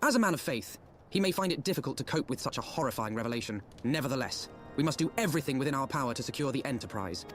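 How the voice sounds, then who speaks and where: A man's voice: mid-range voice, animated, racing, fairly bright tone, faint music behind, natural voice. An actor playing an earnest young male scholar diplomat who speaks in formal, archaic game dialogue. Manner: formal, eloquent, archaic phrasing. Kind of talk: game voice acting.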